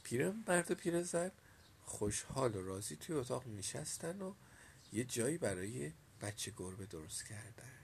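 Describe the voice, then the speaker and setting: A man narrating a children's storybook tale in a calm, measured reading. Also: medium pitch, creaky, slight background noise.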